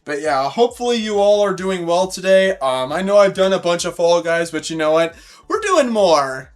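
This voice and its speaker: Rambling, excitable male game streamer. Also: sits high, fairly quick, faint music behind. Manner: rambling, self-correcting, swears often; excitable, bursts into laughter. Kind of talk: casual gameplay commentary.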